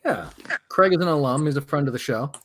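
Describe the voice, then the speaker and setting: A man hosting a casual comedy podcast, talking in a relaxed way with frequent stammered restarts. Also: on the high side, brisk. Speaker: podcast host.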